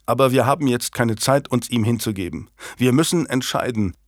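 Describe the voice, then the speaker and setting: Composed young prince in a historical audiobook, steady and dutiful; a male narrator plays him. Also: medium pitch, fairly quick, dry recording, studio quality, natural voice. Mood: resolute.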